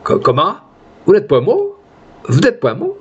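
Man doing gravelly old peasant grumbler. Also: medium pitch, huge pitch swings, slow, darkish tone, highs cut off, heavily acted. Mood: stammering. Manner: rustic country speech, sputtering and exclaiming.

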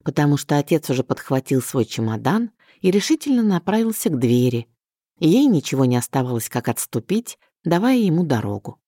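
Low-voiced woman reading a novel. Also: fairly quick, no room sound, studio quality. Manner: expressive storytelling, mixing plain telling with inner voice. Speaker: audiobook reader. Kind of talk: scripted literary narration.

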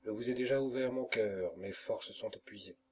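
A man's voice: on the low side, moderate pace, distant mic, slight background noise, close to an everyday voice. A man reading a grieving young heroine. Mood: sorrowful. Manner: restrained, sorrowful reading.

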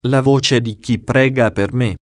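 A gentle, grave ghost of a young woman speaks in a slow, hushed way, as a male reader gives her lines. The voice stays at a plain middle pitch, in a storybook reading, recorded dry and close. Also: no room sound, natural voice. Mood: solemn. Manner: slow, quiet and solemn.

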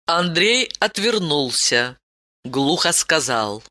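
Slow expressive woman narrator. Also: low voice. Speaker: audiobook narrator.

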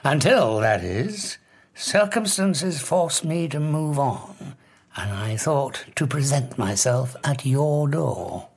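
An actor with a British accent playing a proud, haunted fugitive scientist, theatrical and formal, in an audio drama. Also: male voice, mid-range voice, lively intonation, slow, husky, exaggerated voice. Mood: coolly defiant.

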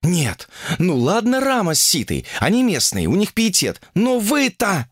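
A man reading an audiobook and voicing an indignant young female graduate student who protests in a shrill, exasperated way. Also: wildly swooping pitch, unhurried, breathy edge, no echo, studio quality, heavily acted.

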